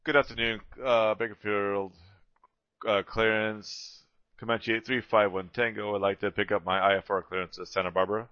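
Male pilot over the radio, lowish voice, dry muffled transmission, procedural readbacks. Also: flat delivery, moderate pace, dry recording. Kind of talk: pilot over the radio, reading back clearances.

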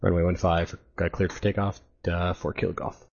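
A man, a private pilot heard over the aircraft radio, making halting calls to air traffic control with many fillers and self-corrections. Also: low-pitched, flat delivery, creaky. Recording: muffled aircraft radio transmission.

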